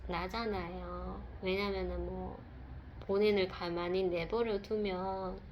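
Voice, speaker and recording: A woman sharing a personal testimony in a casual, reflective way, speaking softly with pauses and fillers. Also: on the low side, little pitch movement, muffled recording, slight background noise.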